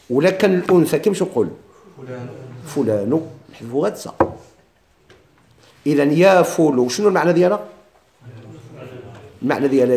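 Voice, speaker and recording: A man's voice: a little high, dark tone. A man with a Moroccan Arabic accent teaching Arabic grammar, asking and answering his own questions and repeating examples. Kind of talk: classroom explanation of a grammar text.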